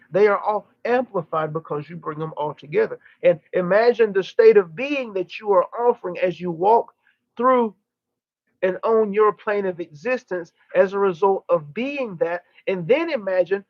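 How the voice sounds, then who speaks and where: Guy with a highish voice doing spirit medium channeling, preachy formal phrases w big pauses, kinda muffled lo-fi audio. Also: gravelly, no room sound. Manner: oratorical, emphatic phrases broken by deliberate pauses. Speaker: channeler giving a live session. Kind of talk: channeled spiritual teaching, seance medium delivery.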